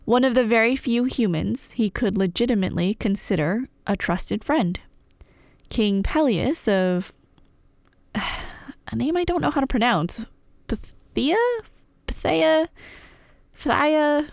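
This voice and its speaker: Speaking slowly and a little high, this woman leaves long pauses and lets vocal fry creep into her darkish tone; the studio recording is clean with no room sound. As a roleplay performer, she plays a playful, nerdy girlfriend chattily telling myths, her rambling, slangy storytelling wry and irreverent for a scripted ASMR piece.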